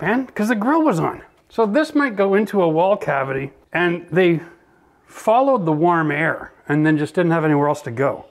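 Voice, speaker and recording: A middle-aged man hosting a DIY renovation video, chatty and upbeat, explaining his work in a gutted bathroom. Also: sits high. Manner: upbeat, chatty, swears and laughs freely. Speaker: renovation channel host. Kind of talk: casual DIY walkthrough.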